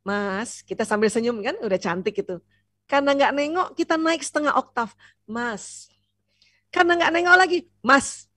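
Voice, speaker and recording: Woman, seminar speaker, lively, teasing, quizzes the audience, high-ish voice. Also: no echo, studio quality. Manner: asks the audience questions and answers them. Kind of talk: seminar lecture on family life.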